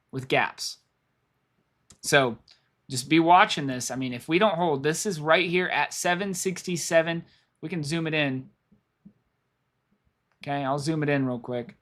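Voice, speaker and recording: On a live stream, a stock market streamer with a slightly raised, hoarsening voice guides viewers through trading charts while he loses his voice. At a moderate pace with frequent pauses, he rambles, repeats phrases and thinks out loud as he clicks about.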